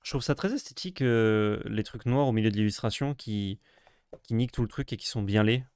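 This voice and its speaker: A man streaming a card pack opening in casual commentary, sarcastic and self-mocking with crude jokes, now and then breaking into sudden excited yelps. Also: lowish voice, a little fast, clear, resonant tone, dry recording.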